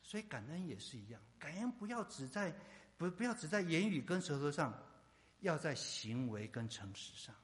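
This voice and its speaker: A male pastor preaching a sermon with emphatic repetition, swinging from loud to hushed. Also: a little high, very animated, moderate pace, in a large hall.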